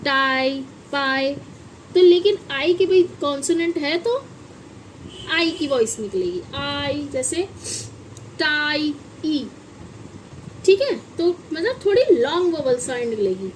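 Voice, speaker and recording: High-voiced woman teaching phonics slowly. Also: slight background noise, rough recording. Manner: asks children questions and spells words letter by letter. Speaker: English teacher. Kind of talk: classroom phonics lesson.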